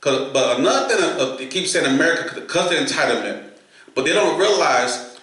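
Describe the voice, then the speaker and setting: A man from New York co-hosts a casual podcast, talking fast and repeating himself as he pushes a point. His voice is fairly high and bright. The room is very echoey. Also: expressive. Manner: quick, repeats himself, asks pointed questions. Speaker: podcast co-host. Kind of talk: casual chat.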